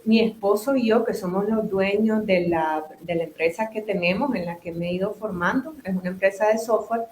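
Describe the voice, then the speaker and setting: Speaking a little fast in a medium-pitched, darkish voice, a Nicaraguan woman who runs a business and works as a psychotherapist chats as an interview guest. She's talkative, explaining at length with asides and restarts. The recording sounds roomy with slight background noise.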